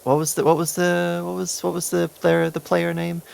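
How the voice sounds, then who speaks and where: A man's voice: fairly high pitch, level tone, normal speed, vocal fry, darkish tone, clear, resonant tone. A man chatting casually during a game stream, laughing often and rambling through asides. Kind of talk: casual gameplay chat.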